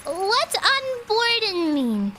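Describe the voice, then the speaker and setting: A woman's voice: very high-pitched, big pitch swings, drawn-out words, sharp tone, faint music behind, pitched above the performer's own voice, exaggerated voice. A woman voicing a timid, innocent young girl, hesitant and anxious, reading game dialogue aloud. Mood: uncertain. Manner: hesitant, stammering, questioning.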